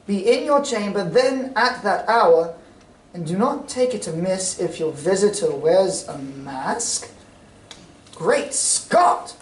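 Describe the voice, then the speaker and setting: A man playing a loyal, curious gentleman doctor, polite and earnest, in a stage reading of a radio drama. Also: high-pitched, animated, slow pace. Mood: earnest, puzzled. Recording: distant roomy stage recording, faint noise.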